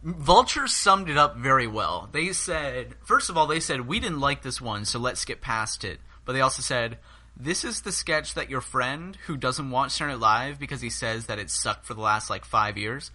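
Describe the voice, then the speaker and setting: A man hosting a casual comedy podcast, steering the talk with quick questions. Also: medium pitch, animated, bright, forceful tone. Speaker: podcast host. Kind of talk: casual chat.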